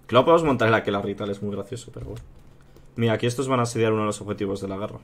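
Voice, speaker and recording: A man's voice: lowish voice, rapid-fire. Spanish man thinking aloud over a strategy game. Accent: Spanish from Spain. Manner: chatty, thinks aloud, addresses viewers as "chicos" and "tío". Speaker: gaming youtuber. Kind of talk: casual strategy game let's play commentary.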